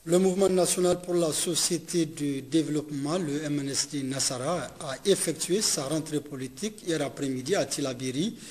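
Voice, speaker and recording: Male news anchor, slightly high voice. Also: normal speed, few pauses, darkish tone. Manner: clear, formal announcing. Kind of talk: news bulletin presenting.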